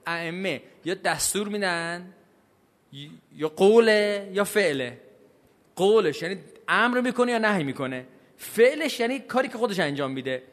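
A man with a fairly high voice gives a religious lecture from a large hall, and his words trail off in a long reverb. He keeps asking the audience questions and answering them himself. His pace swings between slow, weighty stresses and quick asides. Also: lively intonation, fairly bright tone. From Iran. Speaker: cleric giving a religious talk.

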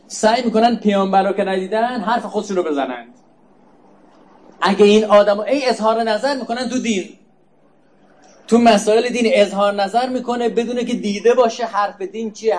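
In a lecture on Quran verses, a notably high-voiced preacher works through the sacred text step by step. He raises rhetorical questions only to answer them, and now and then he quietly repeats a word to stress it.

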